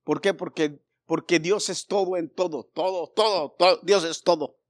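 A man preaching a sermon in a church, swinging between loud exhortation and hushed storytelling. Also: high-pitched, fairly even intonation, moderate pace.

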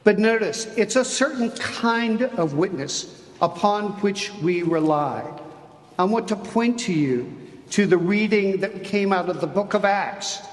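Slow, high-voiced preaching bishop. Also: male voice, expressive. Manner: deliberate, emphatic preaching with dramatic pauses. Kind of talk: sermon. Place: cathedral. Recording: long cathedral reverb.

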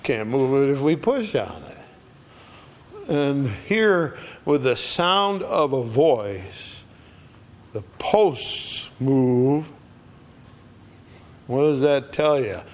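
A man's voice: mid-range voice, lively intonation, extremely slow, long pauses. An older man preaching a sermon in a conversational way, sometimes acting out quoted voices with drama.

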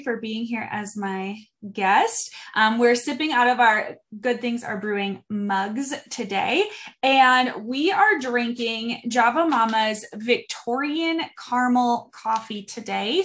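A woman's voice: a little high, a bit bright. A woman hosting a casual podcast chat, upbeat and chatty, with many um fillers. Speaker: podcast host.

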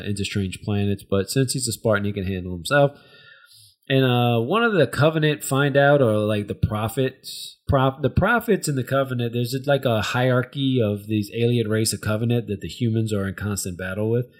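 A man's voice: on the low side, moderate pace. An American man hosting a casual discussion, recapping in a rambling, hesitant way as he searches for words. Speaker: podcast host.

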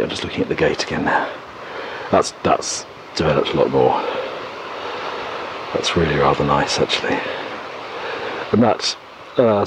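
A man hosting a casual solo podcast outdoors, musing unhurriedly and thinking aloud, recorded on cassette tape. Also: rumbling low. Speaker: podcast host. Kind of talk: casual solo podcast commentary while out walking. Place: outdoors by an oak tree in countryside. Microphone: portable cassette recorder. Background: noise, clicks.

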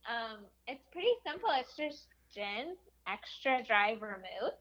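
A friendly woman guest from Michigan joins the chat over a remote call. Her voice is bright and crisp. The call audio sounds dull and lo-fi. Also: on the high side, expressive, a little slow. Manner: friendly, self-deprecating. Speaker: podcast guest. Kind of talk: casual chat.

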